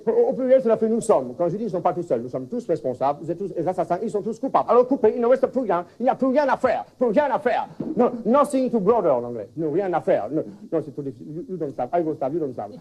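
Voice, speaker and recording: A man's voice: sits high, sing-song, quick pace, few pauses, a little mellow. A man playing a flustered foreign language teacher in a stand-up comedy sketch, stammering through puns with a put-on accent. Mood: rambling. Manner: stammering wordplay, restarts. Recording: 1979 television broadcast.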